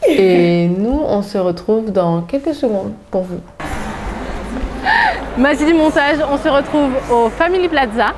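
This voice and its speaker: A woman's voice: on the high side, lively intonation, a little slow, background noise. Chatty woman vlog host. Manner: friendly, chatty, encouraging. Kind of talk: casual interview.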